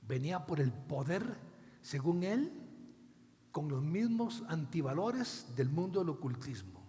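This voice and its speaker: A man preaching a sermon as a pastor, dramatically acting out biblical dialogue with big swings in loudness, with a Costa Rican accent. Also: fairly high pitch, sing-song, unhurried. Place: church hall. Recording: long church reverb.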